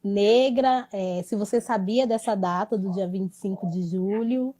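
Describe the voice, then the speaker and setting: A woman hosts a casual interview in a mellow, dark-toned voice at an ordinary pitch. She talks reflectively and keeps checking in with her guest through little tag questions. Her pace stays easy and conversational. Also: unhurried, slight background noise, low-quality recording. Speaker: host.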